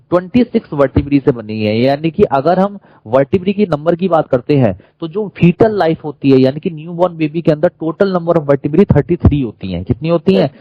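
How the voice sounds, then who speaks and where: A man's voice: fairly high pitch, dry recording, muffled recording. A man with an Indian accent teaching a classroom lecture, who keeps quizzing the class and repeating key terms.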